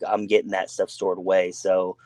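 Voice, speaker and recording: A man with a low voice hosts a casual gaming talk show. He rambles and restarts, pressing his points with fillers and emphasis. The sound is dry and close. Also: level tone, normal speed, a little mellow, no echo. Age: adult with a son.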